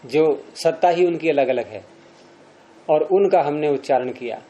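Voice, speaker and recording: A male teacher lecturing on Sanskrit grammar, with a fairly high voice that stays mellow and warm. He explains each point step by step and keeps firing questions at his students. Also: lively intonation, a little slow, dull audio.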